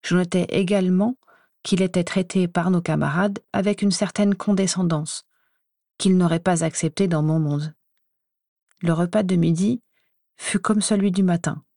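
A woman reading a first-person story aloud in an even, measured way. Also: lowish voice, dry recording, clean studio sound. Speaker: audiobook reader.

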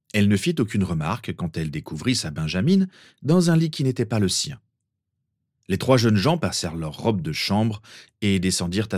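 A man reading fan fiction aloud in a calm, expressive narration. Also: low-pitched, dry recording, studio quality. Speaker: reader.

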